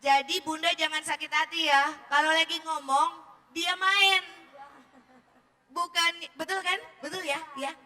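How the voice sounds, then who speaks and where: Bright-voiced woman teaching parents. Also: extremely high pitch, steady tone, measured pace. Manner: chatty, jokey, asks the audience questions. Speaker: early-childhood education speaker. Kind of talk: lively seminar talk to parents and teachers. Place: seminar hall with an audience.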